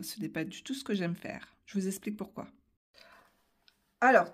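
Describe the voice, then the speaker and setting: A woman's voice: medium pitch, a little mellow. A middle-aged woman from France chatting casually in a craft vlog, rambling with many fillers and swallowing her syllables. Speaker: craft vlogger.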